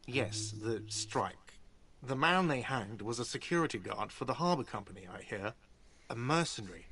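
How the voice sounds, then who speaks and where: An actor playing an irritable, whiny café manager in a video game, impatient and dismissive. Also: male voice, mid-range voice, lively intonation, moderate pace, bright, forceful tone, slightly rough, exaggerated voice. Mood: grudging.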